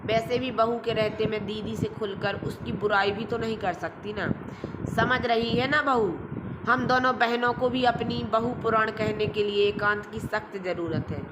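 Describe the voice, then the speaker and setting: A woman's voice: a little high, steady tone, normal speed, noisy background, lightly acted. A woman voicing a meek, hesitant middle-aged mother in a storybook reading. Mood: cheerful.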